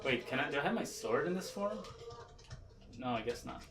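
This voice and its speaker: A man's voice: fairly high pitch, sing-song, moderate pace, recorded from a distance, heavy background noise. A man from Canada commenting casually on a video game, chatty and laughing often. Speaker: let's play host.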